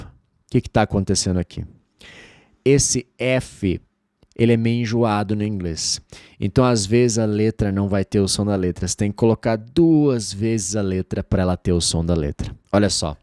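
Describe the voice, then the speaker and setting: A man whose first language is Portuguese, teaching English in an online lesson and drawing out model words slowly so that learners can repeat them. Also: lowish voice, warm tone, no echo, clean studio sound.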